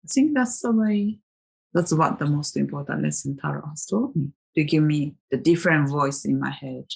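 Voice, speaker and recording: Husky low-voiced woman from Japan. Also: moderate pace, darkish tone. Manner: chatty and reflective, many fillers and restarts. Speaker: tarot vlogger. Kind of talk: casual rambling vlog.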